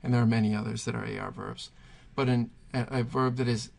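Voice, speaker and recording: A man's voice: mid-range voice, fairly even intonation, brisk, gravelly, a little mellow. A man teaching Spanish verb conjugations, patiently thinking aloud and pointing things out as he writes. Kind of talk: explaining grammar at a whiteboard.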